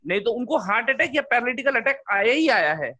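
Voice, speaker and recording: A man's voice: very high voice, sing-song, a little fast, bright, forceful tone. Hesitant man adding a point in class. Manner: hesitant, restarts words while making a point. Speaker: class participant. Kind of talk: question in an online class.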